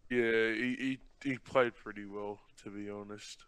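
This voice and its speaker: Young man, Australian accent, clean smooth tone, dry close sound, casual podcast co-host. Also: fairly low pitch, fairly even intonation, unhurried, a bit bright, no room sound. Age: teenager or young student. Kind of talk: casual sports chat podcast.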